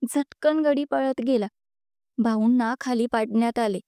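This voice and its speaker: High-voiced woman storyteller, smooth and mellow. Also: unhurried, dry recording. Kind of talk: storytelling narration.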